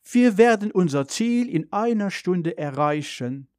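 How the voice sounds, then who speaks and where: Know-it-all robot car done by a guy, high and lively, slow, dry sound. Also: no echo. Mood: announcing. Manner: even, informative, slightly reproachful.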